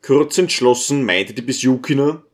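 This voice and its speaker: A man reading a novel aloud as an audiobook, with expressive storytelling. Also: medium pitch, normal speed. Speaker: audiobook reader. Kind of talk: scripted audiobook narration.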